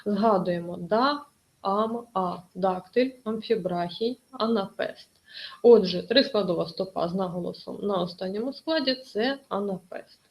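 A woman's voice: medium pitch, moderate pace, a little mellow, low-quality recording. A woman teaching an online exam-prep lesson, explaining carefully with many hesitations.

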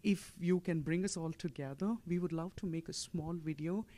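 A woman on a discussion panel, friendly and steady, offering suggestions into a handheld mic. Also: on the low side, normal speed. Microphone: handheld microphone.

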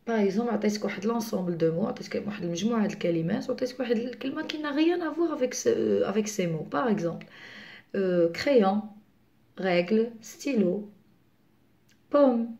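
A woman with a Moroccan accent teaching a French lesson to children online, switching to Moroccan Arabic to explain and slowly repeating words for learners. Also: medium pitch, lively intonation, gravelly, warm tone.

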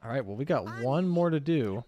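Lively man giving casual gaming commentary. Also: mid-range voice, moderate pace, highs cut off. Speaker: gaming video host. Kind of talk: casual let's-play commentary.

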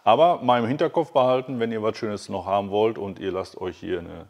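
A man's voice: on the low side, brisk, a little mellow. Chatty man in a workshop hall. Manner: chatty, enthusiastic, many fillers and restarts. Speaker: host. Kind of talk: casual interview. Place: large workshop hall beside a motorhome.

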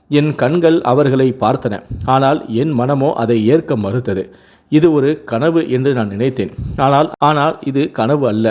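A man's voice: medium pitch, a little mellow. Man reading a somber story aloud. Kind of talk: scripted first-person story narration.

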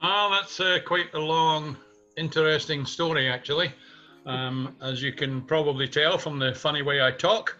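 Music sits beneath the muffled webcam audio as an older Scottish man, 60 or above, recalls the past thoughtfully and with hesitation. He's an interviewee and community theatre music director, speaking from a small room at home. His pitch is fairly high, his tone steady, pushed and bright, at a moderate pace.

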